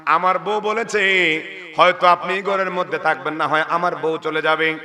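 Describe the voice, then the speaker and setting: Ungrateful son, curt and dismissive, voiced by a man, high pitch. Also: steady tone, normal speed, pushed and bright. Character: cold, ungrateful adult son. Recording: long reverb of a large venue.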